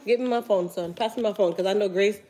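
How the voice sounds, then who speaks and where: Teasing woman telling deadpan tall tales. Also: medium pitch, fast. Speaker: vlogger. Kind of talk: casual chat while eating. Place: small room with curtain backdrop.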